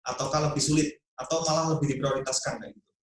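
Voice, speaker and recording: A man hosting a question-and-answer talk, reading out viewer questions and affirming his guest briskly. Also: mid-range voice, steady tone, very echoey, low-quality recording. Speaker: host.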